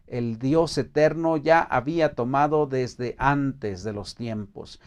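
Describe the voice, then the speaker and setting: A man's voice: medium pitch, clear, resonant tone. A man with a Mexican Spanish accent teaching a Bible study in a casual, hesitant way, with many fillers and restarts, reading verses aloud.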